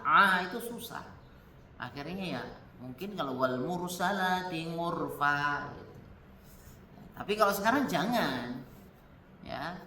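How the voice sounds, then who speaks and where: A man's voice: a little high, pushed and bright, recorded from a distance, slight background noise. Indonesian man teaching Quran recitation in an echoey room. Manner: demonstrates Arabic letter sounds aloud, repeating them. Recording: echoey room, speaker off-mic.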